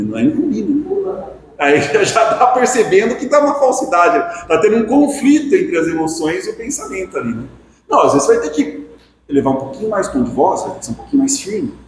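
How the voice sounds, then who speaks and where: A man with a Brazilian Portuguese accent teaching a spiritist study class, earnest and reassuring in his explanations. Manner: earnest and reassuring, acts out inner self-talk. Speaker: course instructor. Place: meeting hall. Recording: echoey hall with faint rumble.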